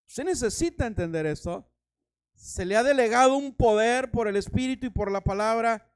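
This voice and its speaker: A man's voice: very high voice, normal speed, clean tone. A man preaching a sermon as pastor, dramatic, acting out voices and stories.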